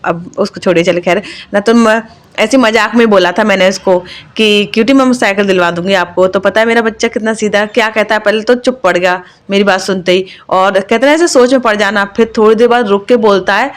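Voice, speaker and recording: A woman's voice: mid-range voice, a little fast. A woman and mother narrating her own home vlog in a chatty, confiding voice-over, with lots of fillers. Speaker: vlogger, mother.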